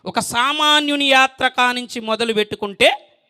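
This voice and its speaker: A man's voice: very high-pitched, moderate pace, sharp tone, clean tone. A male evangelist with a Telangana Telugu accent preaching a sermon, pressing the listener with emphatic rhetorical questions and repeated phrases.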